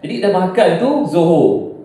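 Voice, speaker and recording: A man's voice: sits high, lively intonation, normal speed, dark tone. A young man with a Malaysian accent, an imam, telling a personal story to a class and acting out the voices of the people in it. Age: young adult. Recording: very echoey room, heard from a distance.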